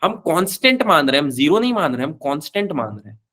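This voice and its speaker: A man's voice: fairly high pitch, big pitch swings, quick pace, pushed and bright. Chatty man teaching physics live. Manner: chatty, calls students beta, mixes Hindi and English. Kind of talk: live online class lecture.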